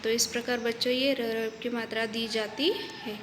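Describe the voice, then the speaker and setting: A woman's voice: fairly high pitch, flat delivery, moderate pace, background noise. A woman teacher giving a children's lesson, patient and repetitive, checking in with the class often. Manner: patient, repeats each point, checks in with "ok".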